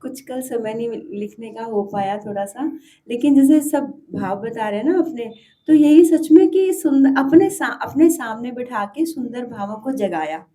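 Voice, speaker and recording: A woman's voice: on the high side, lively intonation, normal speed, mellow. A woman devotee earnestly sharing her experience at a devotional gathering, often restarting as she searches for words. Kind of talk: heartfelt testimony at a devotional gathering.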